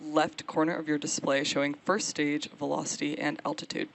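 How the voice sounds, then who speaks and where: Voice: medium pitch, little pitch movement, moderate pace, gravelly, a bit bright, slight background noise. A launch webcast host giving explanatory live commentary on a rocket launch.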